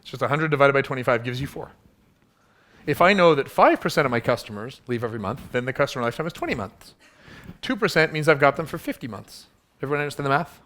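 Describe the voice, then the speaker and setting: Male workshop speaker, quick delivery, punchy and teasing with the audience. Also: medium pitch, lively intonation, fairly bright tone. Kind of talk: live workshop talk.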